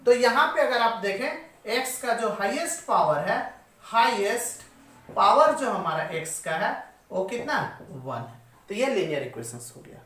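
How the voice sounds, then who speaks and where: In a maths lesson run like a class, a woman puts questions to her students and answers them on her own. Her voice is fairly high and a bit bright, unhurried, with big swings in pitch. It's recorded in an echoey room, with her voice away from the mic.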